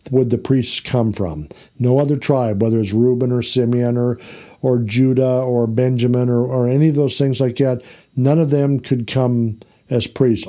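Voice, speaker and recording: A man's voice: medium pitch, dark tone. A man teaching a conversational Bible lesson, explaining plainly and checking in with his class as he goes, with fillers and self-corrections. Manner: explains plainly, checks in with the class by asking "okay?" and "all right?".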